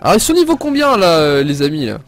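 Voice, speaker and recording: Excitable man commenting on his gameplay. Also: fairly high pitch, fast talker, soft background music. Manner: excitable, joking, laughs often. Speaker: let's play gamer.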